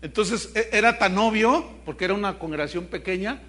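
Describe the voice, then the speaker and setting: A man's voice: sits high, a little fast. A man, a pastor preaching a sermon to his congregation, telling stories animatedly and speaking straight to his listeners. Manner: animated storytelling with acted quotes, addresses the congregation. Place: church congregation.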